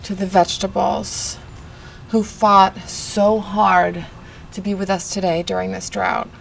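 An actress playing a dreamy, offbeat hippie woman who speaks in a slow, drifting way. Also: mid-range voice, flat delivery, creaky, slight background noise, rough recording. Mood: reverent.

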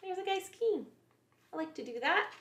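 A woman's voice: very high-pitched, lively intonation, moderate pace, fairly bright tone, roomy sound. A woman, a children's librarian, reading picture books aloud to young kids in a playful way, often asking them questions.

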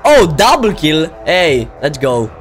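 A young man giving casual, excitable let's-play commentary, often yelling at the game. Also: on the high side, takes it slowly, soft background music. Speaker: gaming video creator.

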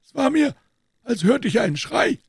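Man playing a calm old doctor, clinical, persuasive, husky, lively pitch, dry sound. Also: moderate pace, no echo, full character voice. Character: old male doctor, cool, calm, unshakable.

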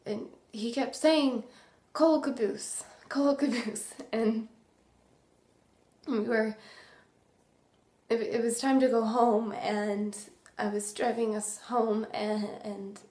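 A young woman acting a remorseful recovering addict in a dramatic monologue, halting and full of tragic sorrow. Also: fairly high pitch, fairly even intonation, darkish tone. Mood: wistful, halting sorrow. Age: young adult. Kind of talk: dramatic monologue, naturalistic confession. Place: small indoor room. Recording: roomy echo.

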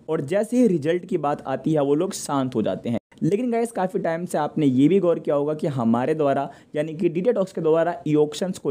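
A man hosts a TV channel's news update show, narrating informally and speaking directly to viewers in a conversational way. His voice is on the high side with a warm tone.

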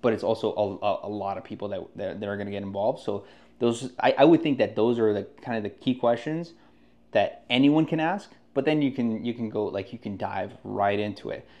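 A man's voice: fairly low pitch, fairly quick, dark tone, highs cut off. A man working as a real estate agent, talking casually and rambling with frequent restarts. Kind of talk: casual podcast talk.

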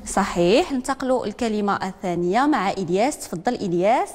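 Brisk Moroccan woman teaching a literacy class. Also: mid-range voice, animated, darkish tone, long reverb tail. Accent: Moroccan Arabic. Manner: dictates slowly, repeats each word, calls on learners. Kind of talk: broadcast classroom lesson.

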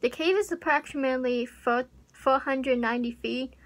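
A young YouTuber with a high-pitched voice chats casually at normal speed, rambling and unsure with lots of fillers. She's recorded close on a webcam in her small pink bedroom, where the air conditioner hums audibly.

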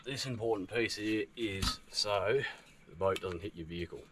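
Outdoor noise from a grassy bush camp sits behind this Australian vlogger in his thirties as he casually walks viewers through his homemade build. His voice runs low at a normal pace, and his practical, easygoing explanation leans on frequent fillers.

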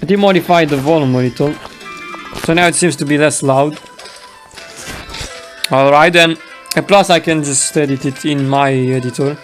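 Man, gameplay commentator, casual, bantering, slightly high pitch. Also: steady tone, normal speed, pauses often, music in the background. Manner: bantering, laughs often. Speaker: gaming commentator.

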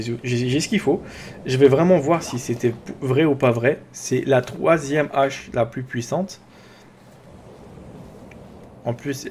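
A man with a French accent doing chatty, excitable let's play commentary, talking to his viewers and to his own character. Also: mid-range voice, a little hiss or hum. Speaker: gaming YouTuber.

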